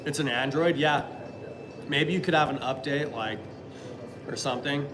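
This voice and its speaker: A man's voice: mid-range voice, normal speed, noisy background. A man in his thirties chatting casually on a live stream, answering viewers with rambling, hesitant talk full of fillers and restarts. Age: 30s.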